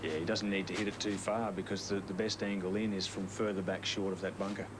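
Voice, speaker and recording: A man with a fairly deep voice works as a golf commentator and analyst. He explains the players' options in an analytical way during live coverage. There is clear outdoor background noise around him. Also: flat delivery, fast.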